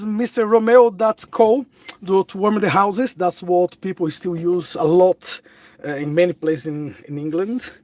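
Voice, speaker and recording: A middle-aged Brazilian vlogger with a Brazilian Portuguese accent chats casually on a phone live stream, answering his viewers. His voice is high with a dark tone, and there's no room sound.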